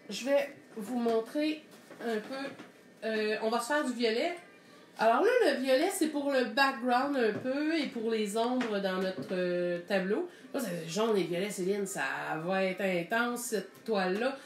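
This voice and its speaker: A woman's voice: a little high, echoey room, a little hiss or hum. A woman with a Québécois French accent teaching a live painting lesson, thinking aloud in a chatty way as she mixes colors.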